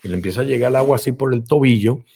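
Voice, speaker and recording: A man's voice: mid-range voice, very fast, creaky, warm tone, breathy edge. A man hosting a live call-in talk, telling a joke animatedly and acting out voices and engine sounds. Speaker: host. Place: live online broadcast.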